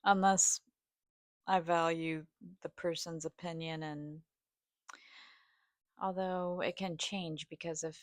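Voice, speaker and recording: Woman rambling on a personal vlog, slowish n halting, lowish voice w some scratchy vocal fry. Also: little pitch movement, no echo, clean studio sound. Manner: halting, hesitant, with pauses. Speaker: video host. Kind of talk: rambling personal vlog, partly reading a study aloud.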